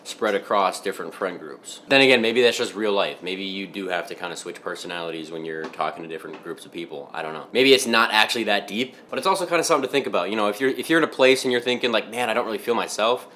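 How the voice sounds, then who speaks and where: A man's voice: lowish voice, fast, few pauses, pushed and bright, slight background noise. A young man talking casually in his kitchen as a fitness vlogger, rambling and musing aloud with a slightly groggy morning voice. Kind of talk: casual vlog chat. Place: home kitchen.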